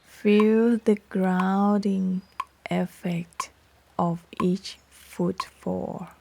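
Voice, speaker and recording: A woman leading a guided meditation in short, sparse phrases with long pauses, her voice soft, breathy and partly whispery. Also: medium pitch, fairly even intonation, background noise. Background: metronome clicks.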